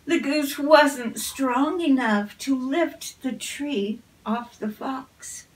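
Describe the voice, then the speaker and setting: A woman reading a picture book aloud in a slow, gentle storytelling manner. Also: high-pitched, distant mic. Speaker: storybook reader.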